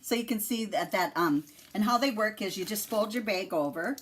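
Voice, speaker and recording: A woman's voice: mid-range voice, normal speed, a little hiss or hum. A middle-aged woman with an Upper Midwest American accent, hosting a casual home cooking demonstration and chatting as she explains each step. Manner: chatty and laughing, explaining steps. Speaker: home cooking show host, mother.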